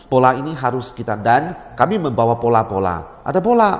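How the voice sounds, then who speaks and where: A man who runs and teaches at a language school, explaining his method, animated and repeating words for emphasis. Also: mid-range voice, fairly quick. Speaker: Mandarin teacher and school head. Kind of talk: explaining in an interview. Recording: roomy with long reverb.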